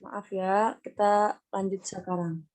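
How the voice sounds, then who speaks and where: A young woman with an Indonesian accent presenting an online class lesson over a video call, explaining slowly and repeating key terms. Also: mid-range voice, level tone, darkish tone, a little hiss or hum. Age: young adult. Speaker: student presenter.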